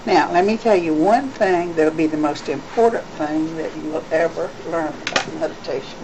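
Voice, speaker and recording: A deep-voiced woman, a psychic, gives a private one-to-one reading at a moderate pace. Her casual advice is instructive and emphatic, and she often repeats herself for weight. It's captured on a noisy home cassette tape with hum.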